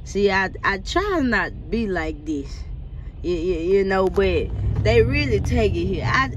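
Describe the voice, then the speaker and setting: A man, a truck driver, recording a phone video of himself as he drives, rambling casually to his viewers with lots of repeated words. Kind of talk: casual talk to viewers while driving. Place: truck cab on a highway. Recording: loud road rumble from a phone.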